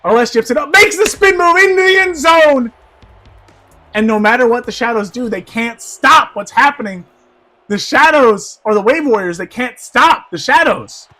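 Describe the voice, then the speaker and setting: A very high-voiced man calls football play-by-play at a normal speed, growing hoarse. His commentary swings from quiet asides into shouts of excitement.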